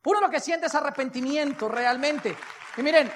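A man's voice: very high voice, moderate pace, fairly bright tone, long reverb tail, some chatter behind, slight background noise. A man with a Colombian accent giving a live motivational talk, telling his story, acting out the dialogue and asking the audience questions. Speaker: motivational speaker.

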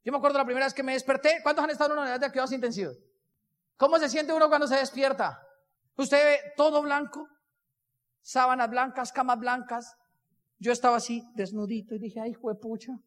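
High-voiced Colombian man telling a story. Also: fairly even intonation, a little fast, fairly bright tone, big-room sound. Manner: storytelling, acts out dialogue, asks the audience questions. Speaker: motivational speaker. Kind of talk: live motivational talk to an audience.

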